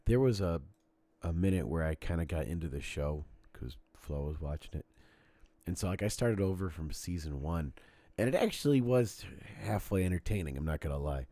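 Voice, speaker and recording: Deep-voiced, animated podcast host. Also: male voice, normal speed, no echo. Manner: profane, rambling, animated storytelling. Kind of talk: casual podcast chat. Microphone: desk mic with cameras.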